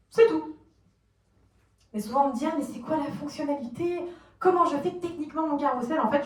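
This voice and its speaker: A French woman giving a lively conference talk, explaining plainly, asking the audience questions and acting out quotes. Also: fairly high pitch. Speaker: conference speaker on social media marketing. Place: conference room, recorded from a distance. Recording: roomy, distant conference recording.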